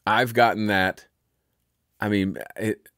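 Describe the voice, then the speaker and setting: Deep-voiced man teaching audio mixing. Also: slow, no echo, clean studio sound. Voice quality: deep resonant voice. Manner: relaxed, chatty, self-interrupting. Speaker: audio software tutorial host. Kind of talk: casual spoken tutorial.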